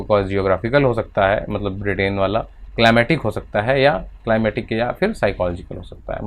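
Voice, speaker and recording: A man with an Indian accent teaching vocabulary, reading English text slowly and then explaining it quickly in Hindi. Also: lowish voice.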